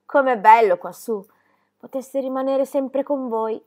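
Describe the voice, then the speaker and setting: A woman doing gentle girl Clara. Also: high-pitched, animated, measured pace, pitched above the performer's own voice. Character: gentle, calm invalid girl, a bit older.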